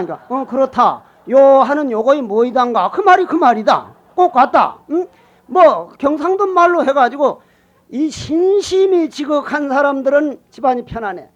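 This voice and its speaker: An older Buddhist monk delivers a sermon in a strikingly high voice. He talks in a folksy, teasing way, rising to loud calls and dropping to near-whispered asides. The recording is muffled and lo-fi. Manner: colloquial, teasing and emphatic, swings between loud calls and quiet asides. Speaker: Buddhist monk giving a dharma talk.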